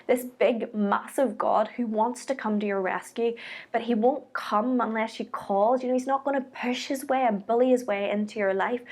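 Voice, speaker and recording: A woman's voice: fairly high pitch, a little mellow. Earnest woman giving an encouraging sermon. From Ireland. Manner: earnest, encouraging, conversational teaching. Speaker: speaker giving a devotional message. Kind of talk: short sermon.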